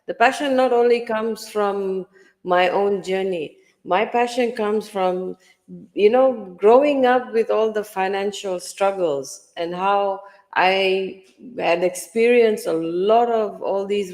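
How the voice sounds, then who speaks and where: A woman's voice: mid-range voice, takes it slowly, a little mellow, big-room sound. A woman in her early forties from Fiji, talking earnestly about her own life as an online mentor on a livestream panel. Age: early 40s. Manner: earnest, personal storytelling.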